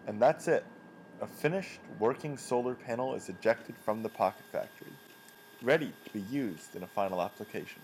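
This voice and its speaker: A man giving a scripted voice-over that explains a machine step by step, in an even, explanatory way. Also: medium pitch, normal speed, slight background noise, poor audio.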